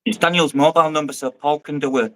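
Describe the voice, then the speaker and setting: A man's voice: fairly high pitch, fairly even intonation, fast talker, fairly bright tone, low-quality recording. A man chatting eagerly about shrimp keeping on a live stream, talking through a new phone on a video call and often restarting his sentences. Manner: enthusiastic, stumbling restarts. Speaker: co-host, shrimp keeper. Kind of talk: casual live-stream chat.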